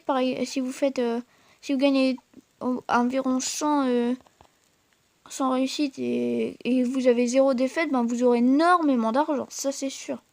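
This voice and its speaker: Brief: high-pitched woman host, casual gameplay commentary, hesitant and filler-heavy, talks straight to viewers. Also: a little mellow, no echo. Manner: hesitant, full of fillers and restarts; chatty, addresses viewers directly. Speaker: gaming channel host.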